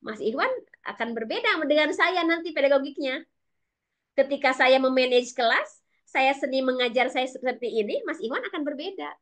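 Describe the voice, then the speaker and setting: A high-voiced woman with a Sundanese lilt lectures teachers in a webinar. She talks quickly and with energy, speaking straight to her audience. Her voice comes through a video call microphone. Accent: Sundanese-influenced Indonesian. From West Java, Indonesia (Sundanese). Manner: fast, animated talk that addresses listeners directly.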